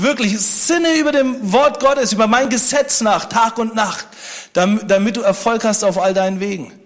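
A man's voice: high-pitched, a bit bright. A man preaching a sermon, speaking conversationally and joking with the congregation. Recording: long hall reverb.

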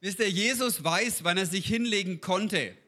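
A man's voice: high voice, moderate pace, bright, forceful tone. A man giving an informal sermon in a conversational way, turning to his listeners with questions. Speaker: preacher.

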